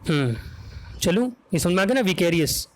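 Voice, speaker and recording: A man's voice: high-pitched, big pitch swings, moderate pace. A man with an Indian accent teaching English vocabulary for an exam, spelling words out letter by letter and often checking that students follow.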